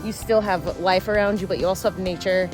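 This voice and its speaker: A woman's voice: lowish voice, fairly even intonation, a little fast. A young woman vlogger chatting casually outdoors on a hillside, laughing often as she talks. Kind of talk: casual chat. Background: background music.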